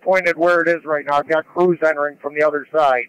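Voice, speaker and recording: Male fireground officer, two-way radio reports, crisp higher voice. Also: steady tone, fairly quick, fairly bright tone, no room sound, poor audio. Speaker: fire operations officer. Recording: dry scanner radio transmission.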